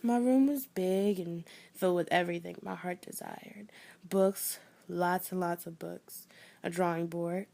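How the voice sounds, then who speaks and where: A young woman with a lowish, creaky voice performs a personal story with wry humor. She swings between loud bursts and near whispers.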